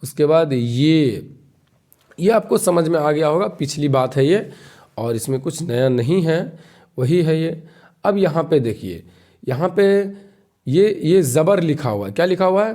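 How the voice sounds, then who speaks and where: A man teaching the alphabet over a screen lesson, his voice sitting a little higher than most men's. He drills the letter sounds slowly and patiently, and often stops to quiz the learner. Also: lively intonation, dark tone. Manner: patient, repeats and quizzes the learner. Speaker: Urdu teacher.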